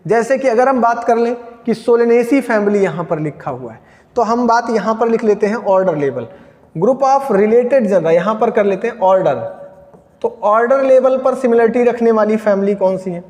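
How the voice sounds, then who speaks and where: Male teacher, high voice, repeats terms and quizzes students, echoey room with long reverb. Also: expressive, moderate pace, a little mellow. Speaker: biology teacher. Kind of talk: classroom lecture.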